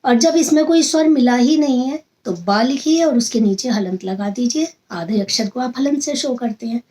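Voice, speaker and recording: Lady teacher, kinda high voice, slow n patient, repeats sounds over and over, drops english words in. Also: mellow, poor audio. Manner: mixes English words into Hindi. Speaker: Hindi and Sanskrit teacher. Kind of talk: online grammar lesson.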